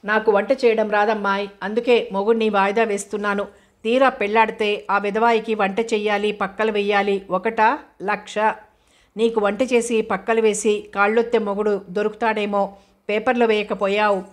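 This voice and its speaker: A woman's voice: medium pitch, level tone, close to an everyday voice. Woman reading a chatty teasing young woman. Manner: rapid, teasing banter mixed with English phrases.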